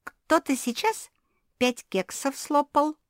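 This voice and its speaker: A woman's voice: a little high, lively intonation, unhurried, a little mellow, no room sound, studio quality, voice pushed up. Woman putting on a tattling gossipy cat. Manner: chattering, tattling.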